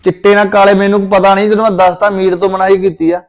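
Guy playing a strict punjabi husband, scolding fast, kinda high voice, keeps asking right?. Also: level tone. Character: stubborn strict young village husband. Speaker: husband in a domestic quarrel.

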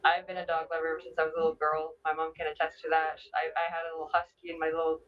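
A woman's voice: sits low, completely flat delivery, rapid-fire. A young woman answering interview questions conversationally, hesitant and often repeating her words. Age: young adult. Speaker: interview guest, dog team owner. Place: large busy indoor meeting hall. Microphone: video call. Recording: muffled video call, distant microphone.

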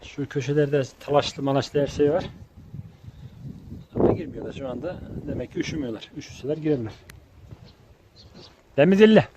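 A man's voice: brisk, long pauses. Chatty man in a noisy outdoor kennel. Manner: chatty, talks sweetly to his dogs in a higher voice. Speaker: dog breeder showing his kennel. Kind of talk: casual vlog narration. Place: outdoors in snow at a rural kennel.

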